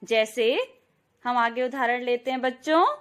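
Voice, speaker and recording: A woman teaching a slow, clear phonics lesson to young children, stretching out each syllable and often calling out to them. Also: on the high side. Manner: drawn-out syllables, addresses children warmly; very slow, careful pace. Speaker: kindergarten teacher.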